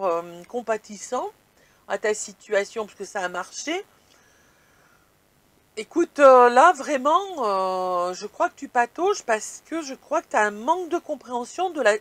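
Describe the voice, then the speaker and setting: A woman's voice: mid-range voice, no echo. A woman vlog host answering viewer questions in casual chat, speaking bluntly and addressing viewers informally.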